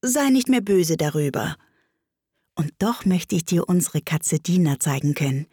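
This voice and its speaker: A woman's voice: on the low side, lively intonation, a little slow, mellow, slightly rough, no room sound, studio quality. Woman doing an eager, chattering young girl.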